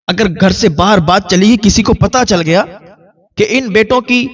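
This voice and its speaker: A man's voice: high voice, distant mic. A man preaching a sermon, telling a story in an emphatic, repeating, exhorting way.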